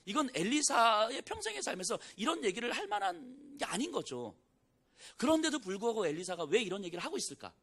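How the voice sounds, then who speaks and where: A man's voice: extremely high pitch, sing-song, fairly quick, vocal fry, a bit bright, slightly rough. A man pastor giving a Sunday sermon in a conversational way, retelling scripture scenes in everyday speech. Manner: conversational preaching, acts out biblical dialogue in casual speech.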